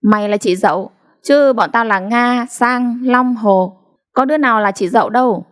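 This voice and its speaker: A woman's voice: fairly high pitch, normal speed, clear, resonant tone, pitched above the performer's own voice, close to an everyday voice. Jeering teenage schoolkids, done by a woman. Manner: jeering, sing-song taunts. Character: mocking teenage schoolkids teasing a classmate.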